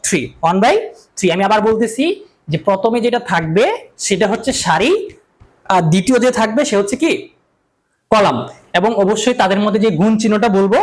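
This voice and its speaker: Fast-talking male math teacher. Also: high-pitched, poor audio. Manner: asks questions and answers them himself; keeps repeating key terms. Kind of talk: classroom math lecture.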